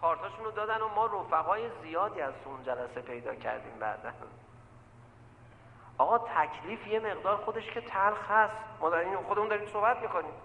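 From a pulpit, a man preaches an animated sermon full of stories, repeatedly turning to his listeners, calling them "sir," and repeating phrases for emphasis. His high, gravelly voice sounds muffled, with slight background noise and long reverb from an echoey hall.

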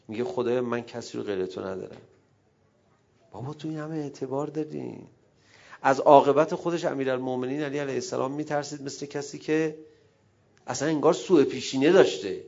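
A middle-aged man preaching a sermon, emotive, dropping to a hush and rising loud as he acts out quoted dialogue. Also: mid-range voice, highs cut off. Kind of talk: religious sermon.

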